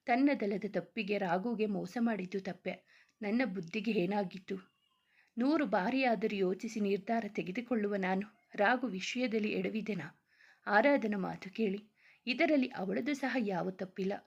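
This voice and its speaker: Woman reading a love story out loud, calm and steady. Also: mid-range voice, moderate pace, slightly rough, lo-fi sound. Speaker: story narrator. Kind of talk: reading a romance story aloud.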